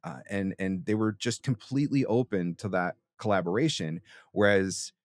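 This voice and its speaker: A podcast host who also coaches voice-over gives conversational yet emphatic advice, using rhetorical questions and checking in often. He has a deep voice, speaks at a moderate pace, and there is no echo.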